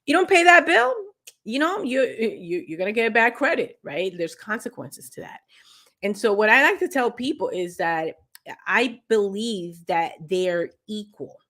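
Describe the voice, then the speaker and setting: A woman's voice: mid-range voice, sing-song, a little slow, fairly bright tone. A woman vlogger earnestly sharing her motivation habits in casual talk to camera, with many restarts and fillers. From grew up partly in Peru.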